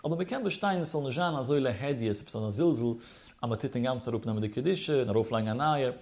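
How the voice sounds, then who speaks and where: A man's voice: medium pitch, animated, quick pace, darkish tone. A man teaching a Talmud study lesson, explaining step by step with rhetorical questions and mixing in Hebrew study terms. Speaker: religious teacher.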